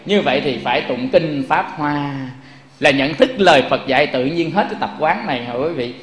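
A man's voice: on the high side, normal speed, a bit bright. A man giving a Buddhist sermon, often turning to the audience with rhetorical questions. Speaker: Buddhist preacher. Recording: echoey room.

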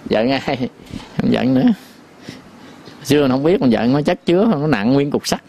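A man giving a Buddhist sermon, folksy and repetitive, sometimes chanting verse lines slowly. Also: medium pitch, vocal fry, darkish tone. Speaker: Buddhist teacher.

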